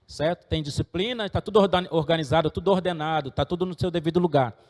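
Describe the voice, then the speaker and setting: A man's voice: a little high, quick pace, a little mellow, long reverb tail. A middle-aged man, preaching a sermon and earnestly exhorting his congregation. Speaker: pastor.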